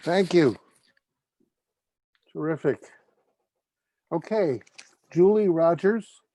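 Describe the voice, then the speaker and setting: Mellow-voiced man hosting a reading. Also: on the high side, animated, very slow. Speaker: host introducing readers. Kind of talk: informal event introduction.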